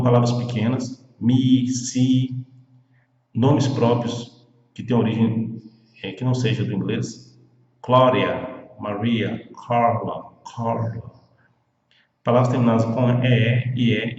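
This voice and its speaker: A man who speaks Portuguese natively, teaching an English pronunciation lesson and repeating words slowly and patiently. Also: mid-range voice, dark tone. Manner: slow, repetitive drilling of words. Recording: echoey room, dull lo-fi sound.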